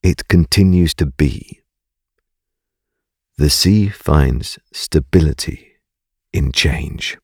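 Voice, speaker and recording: Very deep, slow male meditation guide. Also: gravelly, breathy edge, no room sound, studio quality. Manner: calm, gentle, unhurried delivery.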